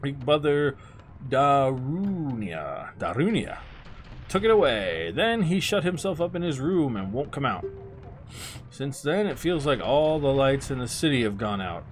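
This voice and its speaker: A man's voice: medium pitch, very animated, moderate pace, slight background noise, lightly acted. A man voicing a hungry, gloomy young rock-eating creature in a video game.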